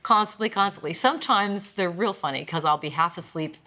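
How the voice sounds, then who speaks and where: A singer-songwriter woman chatting casually at a roundtable, telling animated stories and breaking into sung snippets and laughter. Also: on the low side, brisk, background noise. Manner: animated storyteller, sings snippets and laughs often.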